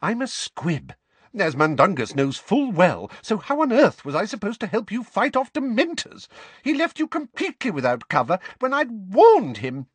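A man voicing a batty, frantic old woman neighbour who scolds in a shrill, shrieking voice. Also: wildly swooping pitch, normal speed, breathy edge, no echo, exaggerated voice. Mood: frantic scolding. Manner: fussy, breathless scolding.

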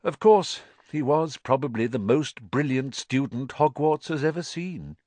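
A man voicing a wise, gentle old headmaster who speaks in a measured way. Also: medium pitch, lively intonation, dry recording, pitched above the performer's own voice, close to an everyday voice.

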